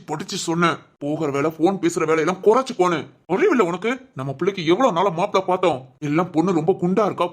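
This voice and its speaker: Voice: medium pitch, lightly acted. A man voicing an angry, domineering husband in a cartoon, scolding his wife harshly. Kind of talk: cartoon family drama voice acting.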